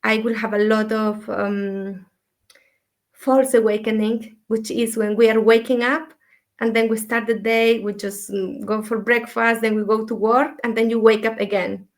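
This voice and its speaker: Soft-spoken woman from Ecuador, flat tone. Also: on the high side, normal speed. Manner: soft-spoken, thoughtful, many fillers. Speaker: dream mentor, guest. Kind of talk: casual interview talk.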